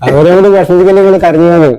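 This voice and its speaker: An actor playing a neighbour who gently soothes a crying man, repeating his reassurances. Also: high voice, fast, highs cut off, natural voice. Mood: soothing. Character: consoling male neighbour. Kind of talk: amateur short film acting. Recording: crowd noise nearby.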